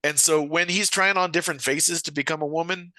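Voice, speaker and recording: A man's voice: a little high, fairly even intonation, brisk, sharp tone, no room sound. A man hosting a podcast, chatting casually and joking with rambling asides. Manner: joking, rambling, laughs often. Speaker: podcast host. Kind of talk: casual comedic chat.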